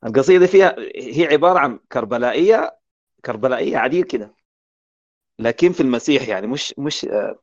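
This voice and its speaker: A man hosting a casual online poetry chat, teasing his friends in quick banter. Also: mid-range voice, lively intonation, a little mellow, no room sound. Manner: joking, teasing, fast banter. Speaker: host. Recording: dull lo-fi online call audio.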